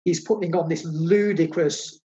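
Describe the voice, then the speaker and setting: Enthusiastic man, higher voice, lo-fi sound. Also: fairly even intonation, normal speed, warm tone. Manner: enthusiastic, emphatic, repeats phrases. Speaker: film podcast co-host. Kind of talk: casual film discussion.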